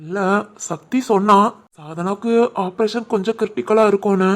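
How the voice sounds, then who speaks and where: Woman doing a cartoon young husband, Tirunelveli Tamil, fairly high voice, teasing banter. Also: fairly quick, close to an everyday voice. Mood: worried. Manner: teasing banter, turns soft and worried. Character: young husband, teasing but caring, shopkeeper. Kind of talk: animated family story.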